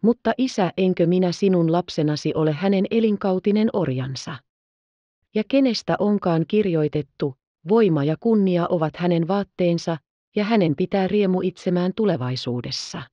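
A woman voicing a gentle, devoted young daughter who speaks with soft, earnest pleading, in a slightly dull audiobook recording. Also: on the low side, lively intonation, dry recording, lightly acted.

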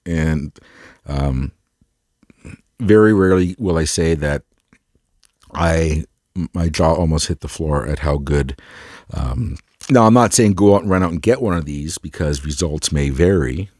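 His voice is a rumbling low, darkish and stuffed-up from a cold, delivered a little slowly with frequent pauses. He's the host of a hi-fi audio gear tour, rambling casually and enthusiastically to camera with self-deprecating humor, in clean studio sound with no room sound.

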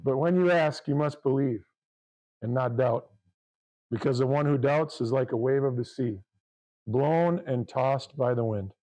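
A pastor reads scripture aloud to his congregation, preaching loudly and with fervent conviction. His warm, mellow mid-range voice moves unhurriedly, and the recording quality is low.

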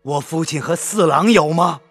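An actor playing an earnest younger man, a dutiful son, husky and quick to grief and anger. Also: fairly high pitch, a bit bright, faint music behind. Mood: emotional. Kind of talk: audio drama acting.

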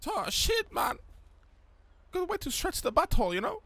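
A man doing a squeaky crude street hustler. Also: sing-song, moderate pace, pushed and bright, no room sound, full character voice. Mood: mocking. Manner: crude, swearing, mocking. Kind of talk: voice role-play in a video game.

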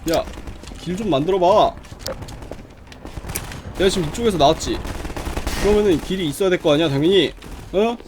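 A man with a high voice talks through a game walkthrough, grumbling at stuck doors and muttering his own gun noises. Game gunfire rattles clearly behind his voice. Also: moderate pace, long pauses, background noise. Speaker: gaming channel host. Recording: loud game gunfire under the voice.

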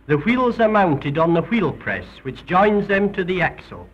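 A British man narrates in the style of a 1930s documentary presenter, formal and a little theatrical, his high voice moving unhurriedly with a lively swing through each phrase. The audio is an old film soundtrack, dull-sounding and somewhat noisy.

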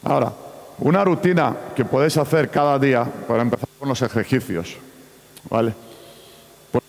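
A man running a basketball coaching clinic, talking in halting phrases with frequent restarts. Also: mid-range voice, lively intonation, gravelly. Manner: broken, halting delivery with many restarts. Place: large indoor sports arena. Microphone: far camera. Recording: echoey sports hall, from far off.

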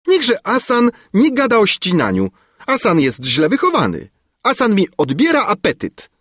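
A man voicing a hot-tempered young princess in a storybook reading, shrill and petulant. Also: wildly swooping pitch, normal speed, a bit bright, no room sound, clean studio sound, heavily acted.

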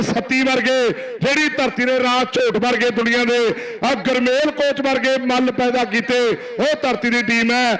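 A man's voice: very high voice, fairly bright tone, poor audio. A man with a Punjabi accent giving frantic, declamatory rural sports commentary on a kabaddi match, making announcements as he goes.

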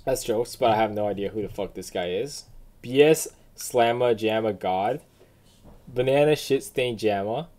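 Speaking at a normal speed, this gaming creator offers frank, off-the-cuff reactions with casual curses, his darkish voice sitting on the low side. Behind him, faint noise mixes with the typing and clicking of a computer keyboard.

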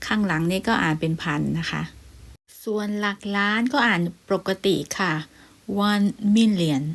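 A woman with a Thai accent teaching a step-by-step English lesson, saying numbers slowly and carefully for repetition, with polite, gentle phrasing. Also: medium pitch, no echo. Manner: polite with frequent particles.

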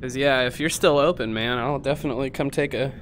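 A man's voice: medium pitch, fast, a little hiss or hum. A young man streaming a VR game, chatting casually and swearing with his viewers over a headset mic. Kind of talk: casual live-stream chat.

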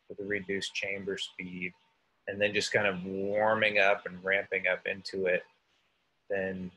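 Low-voiced man demonstrating coffee roasting aloud. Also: bright, forceful tone, slight background noise, low-quality recording. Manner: thinking aloud, talks through numbers while working. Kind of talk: casual live demonstration.

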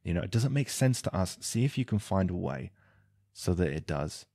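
Brief: laid-back host, very low and mellow voice, dry close sound. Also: male voice, slightly rough, no room sound. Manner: relaxed, unhurried, with filler ums. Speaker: podcast host, leathercraft teacher. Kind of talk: casual storytelling talk.

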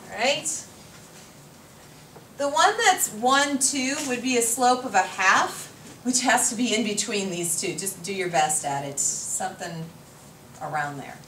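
A woman math teacher with a mid-range, slightly bright voice speaks expressively and unhurriedly as she lectures at the whiteboard. She explains step by step and asks students questions. Recorded on a far camera, the classroom echoes and carries faint noise.

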